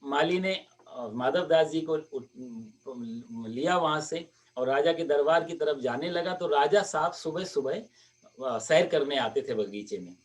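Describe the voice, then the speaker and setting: A male preacher narrating a devotional story sermon in a lively storytelling manner. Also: a little high, measured pace, recorded from a distance.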